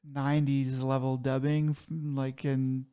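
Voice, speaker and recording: A man's voice: mid-range voice, flat delivery, measured pace, mellow, clear, resonant tone. A man co-hosting a podcast, chatting in a hesitant, laid-back way. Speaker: podcast co-host. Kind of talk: casual chat.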